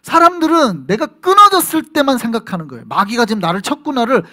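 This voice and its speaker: A male pastor preaching a sermon in an animated way, acting out little scenes and putting rhetorical questions to the congregation. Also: extremely high pitch, fast.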